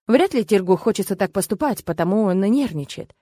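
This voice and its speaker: A woman reading a first-person novel aloud in a lively, expressive way. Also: mid-range voice, a little fast. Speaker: audiobook narrator. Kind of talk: first-person audiobook narration.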